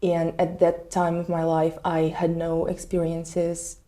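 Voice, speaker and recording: Young woman guest, lowish warm voice, earnest podcast chat. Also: monotone, unhurried. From Russia. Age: young adult. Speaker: guest, international student. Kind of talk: casual podcast interview.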